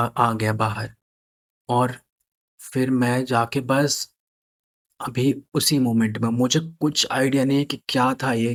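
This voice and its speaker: A young man telling a personal story, halting and earnest, often repeating and restarting his phrases. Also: medium pitch. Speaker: storyteller sharing a personal experience.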